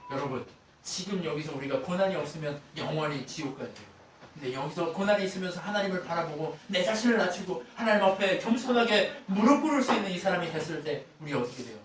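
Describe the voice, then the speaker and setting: Male pastor, high voice, animated sermon full of rhetorical questions; very echoey hall, mic set back. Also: recorded from a distance, slight background noise. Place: church sanctuary.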